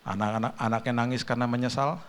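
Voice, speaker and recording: A man preaching a sermon, telling a story with humor and acting out the scenes, sometimes nearly shouting. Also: medium pitch, steady tone, fast, noisy background. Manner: raises voice to near-shouts at peaks. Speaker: pastor.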